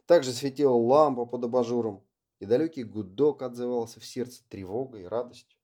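Very dark-voiced male narrator. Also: mid-range voice, fairly quick. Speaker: audiobook narrator. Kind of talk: scripted narration.

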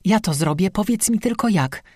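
A stubborn young village girl, defiant and headstrong, voiced by an audiobook narrator. Her lines sit a little higher than the narration. The storybook recording is dry and close. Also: expressive, moderate pace, darkish tone, no room sound, lightly acted. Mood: eager. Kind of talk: audiobook reading.

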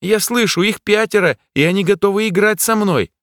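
A man puts on a squeaky, high young jester who plays with fire magic, his voice jumping well above the narrator's own. He sounds eager and insistent, close and dry with no room around him. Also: fairly quick, fairly bright tone, no echo. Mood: excited.

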